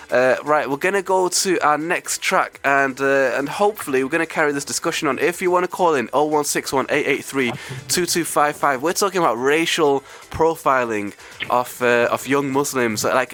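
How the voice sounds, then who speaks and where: A man hosting community radio with a croaky, ill-sounding voice, talking casually and hesitantly off the cuff. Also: mid-range voice, fairly bright tone. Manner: hesitant, conversational, rambling. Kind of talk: casual radio talk, unscripted.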